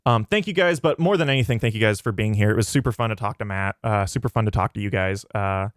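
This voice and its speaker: A man's voice: lowish voice, fast talker, no room sound, studio quality. A man hosting his own livestream, thinking aloud as he answers questions from the live chat. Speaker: channel host reading live chat. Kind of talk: casual livestream talk.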